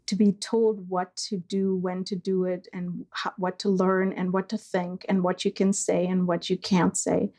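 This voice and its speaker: A middle-aged woman originally from East Germany talks as an interview guest, slow and searching, with frequent fillers and pauses. Her tone is mellow and dark, with a gravelly fry, and her pitch stays flat and even. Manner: slow, hesitant, with many fillers. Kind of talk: reflective conversation.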